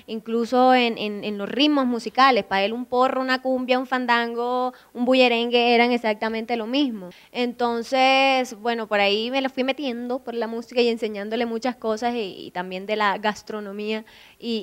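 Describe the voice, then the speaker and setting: A woman's voice: on the high side, a bit bright, clear, resonant tone. A young woman with a Colombian Caribbean coast accent, telling stories in conversation, laughing often and acting out voices. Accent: Colombian Caribbean coast (Córdoba). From Córdoba, Colombia. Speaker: singer, guest. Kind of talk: lively conversational storytelling.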